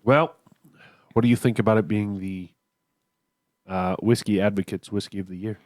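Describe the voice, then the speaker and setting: A man's voice: fairly low pitch, steady tone, moderate pace, darkish tone, no room sound, studio quality. A man co-hosting a whiskey podcast with a cough and stuffy nose, chatting and telling rambling jokes. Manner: joking, rambling storyteller. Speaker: podcast co-host. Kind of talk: casual chat and whiskey review.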